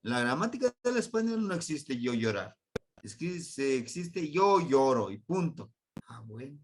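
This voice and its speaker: A man from Mexico teaching a Nahuatl grammar lesson online, slow and patient, repeating words for his students. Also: medium pitch, very animated.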